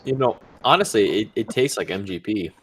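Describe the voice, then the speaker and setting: Laid-back, fairly low-voiced man. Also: lively intonation, a little fast, fairly bright tone, slightly rough. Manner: laid-back, agreeable, tasting notes. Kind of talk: casual group chat on a livestream.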